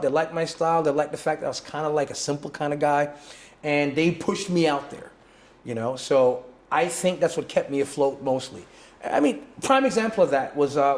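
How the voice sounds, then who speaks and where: Born in Jamaica, this martial arts instructor is a guest telling an animated story in conversation, his voice on the high side. He keeps restarting and voices other people's lines in changing tones, all in an echoey room.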